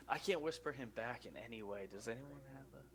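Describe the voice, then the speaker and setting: A man's voice: mid-range voice, a little fast, fairly bright tone. A man playing a tabletop game with friends, joking and laughing often. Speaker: player. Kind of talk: casual tabletop game chat.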